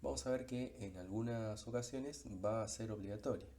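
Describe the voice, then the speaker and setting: A man gives a recorded lesson in a low, warm voice. He explains each example patiently and says the key words slowly. His delivery is unhurried, with frequent pauses and small fillers. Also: a little hiss or hum. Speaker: French teacher.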